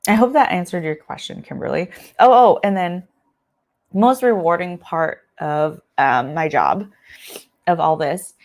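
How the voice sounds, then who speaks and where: A woman's voice: lowish voice, measured pace, a little mellow. A young woman who is a family doctor, talking earnestly and emotionally in a casual vlog, choked up at times, with many fillers. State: choked up, near tears.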